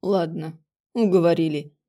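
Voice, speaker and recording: Woman voicing a gruff, snapping werewolf lord. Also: medium pitch, normal speed, darkish tone, close to an everyday voice. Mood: grudging. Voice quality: hoarse, snapping. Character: gruff angry male werewolf lord, father.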